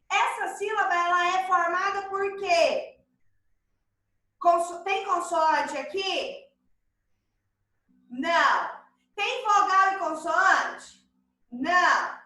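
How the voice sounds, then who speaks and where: A woman's voice: very high-pitched, bright, forceful tone. A woman teacher with a Brazilian Portuguese accent, patiently explaining a workbook exercise to young children in an online class and checking that they follow. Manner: refers to herself as "tia" to the kids. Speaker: primary school teacher. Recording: echoey room.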